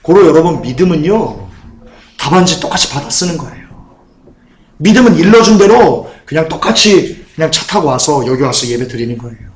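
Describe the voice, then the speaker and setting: A man's voice: a little high, expressive, brisk. A man pastor preaching a sermon in a conversational way, repeating his phrases and putting questions to the congregation. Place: church sanctuary. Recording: roomy church echo.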